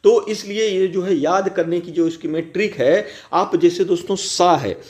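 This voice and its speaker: Man, teacher, slightly high voice, exam-prep grammar lesson, repetitive step-by-step explaining, slowly sounded-out syllables. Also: darkish tone. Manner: explains step by step, repeats phrases, often addresses viewers as friends.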